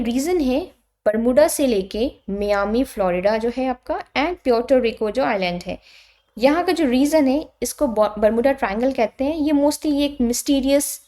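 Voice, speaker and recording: A young woman with an Indian accent and a high voice teaches a geography class. She explains patiently and keeps checking in with her students as she goes. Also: mellow. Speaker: exam coaching teacher. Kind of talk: explanatory lecture mixing Hindi and English.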